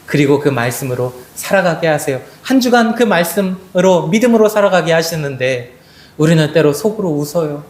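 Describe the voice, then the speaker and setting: A man preaching a Sunday sermon as pastor, swinging his voice high and low and talking straight to the congregation. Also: animated, a little fast. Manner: addresses the congregation directly. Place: church sanctuary. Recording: echoey church sanctuary.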